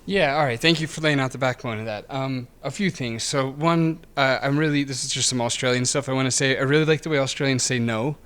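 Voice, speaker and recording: A man of middle pitch chats loosely on a gaming podcast. He trips over his words, restarts sentences and swears offhandedly. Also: fast talker, hardly any pauses, fairly bright tone, clear, resonant tone. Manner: rambling, restarts often, swears casually. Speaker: podcast co-host. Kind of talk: casual chat.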